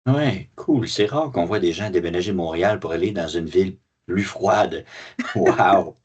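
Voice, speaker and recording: A man's voice: low voice, normal speed, darkish tone, slightly rough, dull audio. A man with a Quebec French accent hosting an interview in a jovial, playful way, with many fillers, as a mortgage broker. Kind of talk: casual interview.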